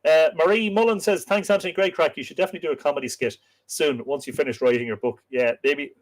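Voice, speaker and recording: A man's voice: fairly high pitch, quick pace. A man with an Irish accent and a lilting storyteller's delivery, hosting a casual live stream and chatting through viewer comments. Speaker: host and storyteller of a live myths show.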